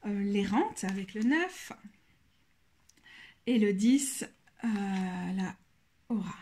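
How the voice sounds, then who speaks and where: A woman casually walking through a card deck on her channel, speaking in a thoughtful, hesitant way and often pausing to search for words. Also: mid-range voice, lively intonation, a little mellow. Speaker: tarot deck reviewer.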